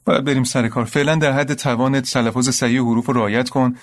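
A man playing a calm, patient tutor. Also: mid-range voice, close to an everyday voice. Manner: calm, instructive, firm. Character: patient, knowledgeable young man correcting a friend. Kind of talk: radio drama acting.

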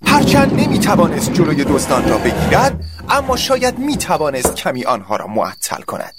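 A man narrating a scripted story in a dramatic, expressive way. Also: fairly high pitch, loud music behind the voice.

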